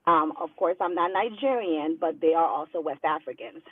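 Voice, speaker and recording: Earnest caller on a tinny phone line. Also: medium pitch. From Liberia. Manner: earnest, measured, explanatory. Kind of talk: call-in opinion.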